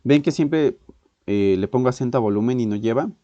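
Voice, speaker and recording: A man with a Mexican accent teaching a physics exam-prep lesson, thinking aloud with halting restarts, frequent "ok?" and clearing his throat. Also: medium pitch, dark tone, no room sound. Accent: Mexican Spanish. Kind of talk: exam-prep lesson working through problems. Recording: muffled, dull sound in a dry room.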